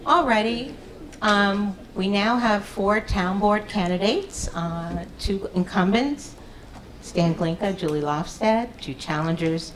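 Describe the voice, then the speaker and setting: A woman's voice: medium pitch, slow, a little hiss or hum, poor audio. A woman with a New York accent moderating a town debate in a friendly, self-deprecating way.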